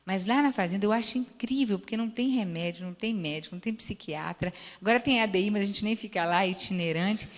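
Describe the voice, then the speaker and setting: Speaking in a medium pitch, this Brazilian-accented woman, a therapist, recounts case stories in a lecture that includes audience Q&A. Lively and frequently checking in with "né?", she acts out the dialogue, while long hall reverb fills the lecture hall recording.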